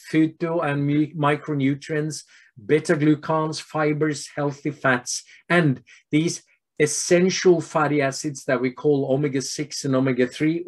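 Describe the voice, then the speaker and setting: A man in his fifties with a Norwegian accent, giving an earnest health presentation to doctors over a video call and pausing often on fillers. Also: fairly high pitch. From Norway. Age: 50s. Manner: earnest, steady, with frequent filler pauses.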